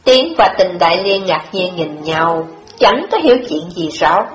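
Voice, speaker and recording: A woman narrating an audiobook in a measured, expressive storytelling style. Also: lowish voice. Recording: dull lo-fi audio, echoey room, faint music.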